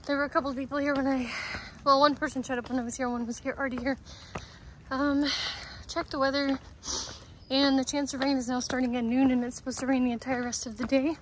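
A woman hiker talking casually to her phone camera as she walks a forest trail, thinking aloud in a relaxed way. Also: sits high, fast talker, a little hiss or hum, low-quality recording. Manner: relaxed, chatty, thinking aloud while walking. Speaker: long-distance hiker vlogging. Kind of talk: casual spoken trail diary.

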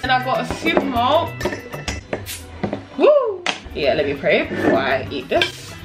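A woman's voice: sits low, sing-song, fairly quick, loud music behind the voice. A young woman with a London accent chatting casually in a vlog, slangy and swearing freely. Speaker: vlogger. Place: home kitchen.

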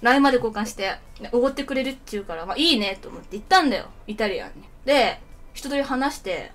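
A woman in her twenties, a streamer telling a story in casual chat, animated and often laughing. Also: on the high side, fast.

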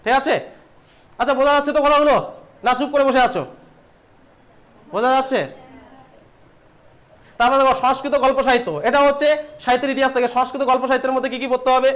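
A man's voice: very high voice, a bit bright. A young man from West Bengal teaching an online lesson to students. He asks questions and answers them himself, again and again. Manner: asks and answers his own questions, repeats "thik ache". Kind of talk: online exam-prep lesson.

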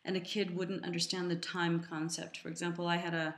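A woman's voice: fairly low pitch, flat delivery, brisk, reverberant. A middle-aged woman giving an educational talk to an audience, conversational with many fillers and asides. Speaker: lecturer.

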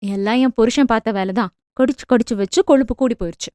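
A chatty, cheeky young wife, as a woman voices her, trading quick playful banter with her husband. Her voice sits fairly high. The recording is dry and close. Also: a little mellow, clear, resonant tone, no echo, lightly acted.

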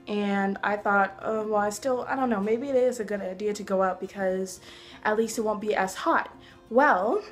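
A young woman talking casually to the camera in a vlog, chatty and rambling with fillers. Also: medium pitch. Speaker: vlogger.

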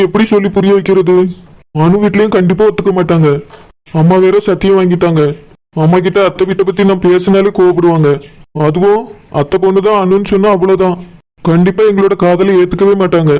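A man voicing a fretful young lover, high-voiced. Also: flat delivery, a little fast, dark tone, lightly acted. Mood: anxious. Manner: fretful, reassuring. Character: anxious young man secretly in love with his cousin. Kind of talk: cartoon voice acting.

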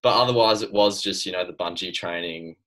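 A young Australian swimmer, appearing as a guest, chats casually over a video call from his bedroom using a laptop webcam. His voice is low yet fairly bright, and he talks briskly in a laid-back way, laughing often and trailing off with fillers.

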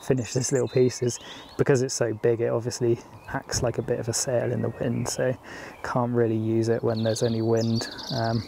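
Relaxed British man, gravelly and flat. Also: mid-range voice, moderate pace, hardly any pauses, background noise. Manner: relaxed, hesitant with frequent ums. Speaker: astrophotography YouTuber. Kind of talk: casual vlog talk to camera. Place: outdoors in his garden.

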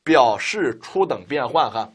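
A man's voice: mid-range voice, sing-song, unhurried, husky. A man teaching a linear algebra lecture, walking students through each step with rhetorical questions. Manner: keeps asking rhetorical questions, talks students through steps. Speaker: math teacher.

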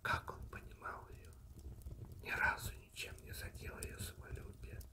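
The voice never rises above a breathy whisper, soothing and gentle in an ASMR manner. It reads a story aloud softly and without hurry. The sound sits a little far from the microphone. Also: a little slow. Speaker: audiobook reader and channel host.

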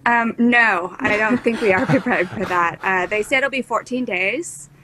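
Middle-aged woman on video call from ship cabin, calm, lots of uhs. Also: mid-range voice, normal speed, slight background noise, rough recording. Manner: calm, hesitant with fillers. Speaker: interviewee on a cruise ship.

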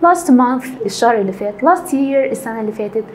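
A young Egyptian woman teaching an English grammar lesson, explaining patiently and repeating key words slowly. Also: fairly high pitch, lively intonation, darkish tone, slight background noise. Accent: Egyptian Arabic.

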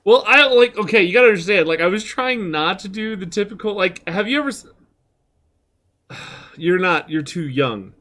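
A man's voice: high-pitched, expressive, normal speed, sharp tone. A man in his thirties hosting a let's play, joking crudely and rambling as he plays. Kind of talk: casual gameplay chat.

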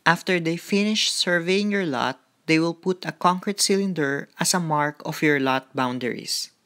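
A woman's voice: sits low, normal speed, fairly bright tone. A woman hosting a gardening vlog, narrating outdoors on a farm lot in a friendly, explanatory way. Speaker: gardening vlogger.

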